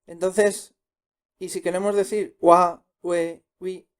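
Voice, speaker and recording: Slow, patient man teaching sounds. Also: high voice, little pitch movement, clear, resonant tone. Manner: patient, repeats each sound twice. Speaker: Korean language teacher. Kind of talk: slow step-by-step pronunciation lesson.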